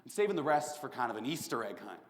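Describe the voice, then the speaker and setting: A man's voice: sing-song, fast, lightly acted. A man doing a sardonic young killer on death row. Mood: mocking. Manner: sardonic, swinging between loud outbursts and low hushed lines. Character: charming young male serial killer on death row, mocking. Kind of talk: competitive prose interpretation. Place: performance room at a speech competition. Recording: echoey hall reverb.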